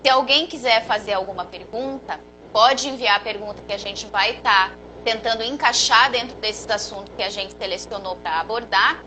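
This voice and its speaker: A woman's voice: mid-range voice, moderate pace, sharp tone, soft background music, rough recording. A woman therapist hosting a live video interview, welcoming her guest and presenting the show's questions. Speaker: therapist and live-show host.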